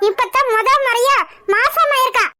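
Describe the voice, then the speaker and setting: A woman voicing a proud, quick-tempered older mother-in-law in a cartoon, shrill and threatening. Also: pushed and bright. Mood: furious.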